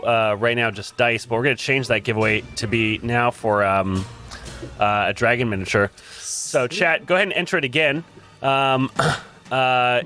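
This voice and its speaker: A man narrating as dungeon master, with a halting manner full of fillers. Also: medium pitch, sharp tone. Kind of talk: narrating a tabletop game.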